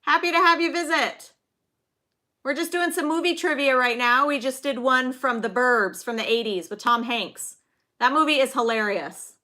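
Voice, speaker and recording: A woman's voice: sits high, normal speed, pushed and bright. A middle-aged woman hosting a casual livestream, chatty and enthusiastic, cheering viewers on by name. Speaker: livestream host. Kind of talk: casual live chat, reading movie quotes.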